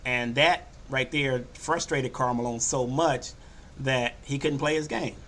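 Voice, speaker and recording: An older man hosting a sports podcast, talking casually and loosely, often slipping into animated quoted voices. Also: medium pitch, measured pace, slight background noise. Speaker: podcast host. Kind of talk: casual sports talk monologue.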